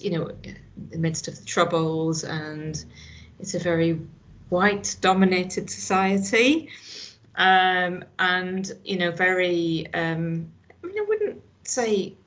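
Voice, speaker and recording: Her voice is fairly low, expressive and unhurried as this middle-aged woman from Northern Ireland chats casually as a hospital staff guest. She sounds earnest, with a Northern Irish accent tinged slightly Scottish. She keeps restarting and saying "you know."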